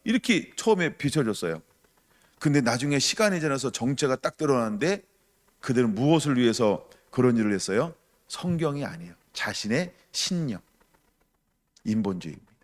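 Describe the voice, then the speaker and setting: A man preaching a sermon as pastor, emphatic, asking the congregation questions and acting out quoted voices with loud bursts. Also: mid-range voice, big pitch swings, moderate pace. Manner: acts out quoted voices with sudden loud outbursts.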